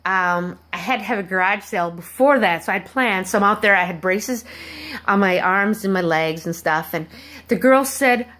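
A woman telling a personal story to her viewers in a halting, rambling way, with many restarts and asides. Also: medium pitch. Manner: animated when acting out quoted people. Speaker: vlogger.

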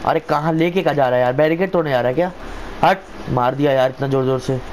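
A man giving excited, chatty play-by-play of a wrestling video game like an informal commentator, often repeating his phrases. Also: mid-range voice, fast talker, a little hiss or hum. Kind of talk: excited casual gameplay commentary.

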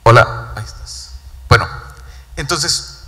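A man's voice: mid-range voice, takes it slowly, sharp tone. A Guatemalan man in his thirties gives an earnest conference keynote on a large stage, speaking into a handheld mic and often repeating words as he builds his points. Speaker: corporate speaker. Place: large dark event stage. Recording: reverberant stage hall.

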